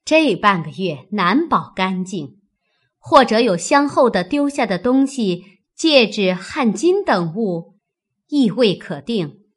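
A woman voicing a shrewd, sharp-tongued noble mistress in an audiobook of a classic novel, with an arch, needling manner. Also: mid-range voice, sing-song, takes it slowly, slightly rough, full character voice.

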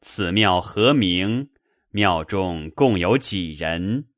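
A man's voice: low-pitched, expressive, drawn-out words, fairly bright tone, no room sound, clean studio sound, heavily acted. A man voicing a polite, ambitious official who speaks formally and deferentially. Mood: courteous. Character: courteous ambitious male official, scholarly.

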